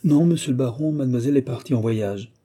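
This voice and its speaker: Male reader doing a deferential old-world concierge woman, pitched up and louder, dark husky undertone. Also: fast, close to an everyday voice. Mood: polite. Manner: respectful, repeats "monsieur le baron". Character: timid female concierge, polite and deferential.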